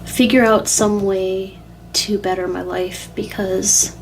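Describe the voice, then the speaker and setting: Female vlogger, vulnerable and upset, close to tears, candid halting speech, some ambient noise behind. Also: mid-range voice, level tone, poor audio. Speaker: weight-loss vlogger. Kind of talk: confessional personal vlog.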